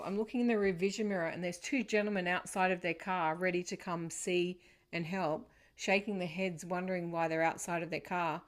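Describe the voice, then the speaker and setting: A woman hosting a spiritual podcast, telling stories in an animated, dramatic way. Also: fairly low pitch. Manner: animated storytelling, dramatic retelling. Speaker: podcast host. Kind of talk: casual interview chat.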